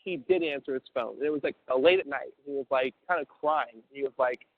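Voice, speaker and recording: A man's voice: medium pitch, a little fast. A young man telling a long story over a prison phone call, cursing freely and stumbling over restarts. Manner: profane, stammering restarts, acts out quoted voices. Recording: tinny prison phone line.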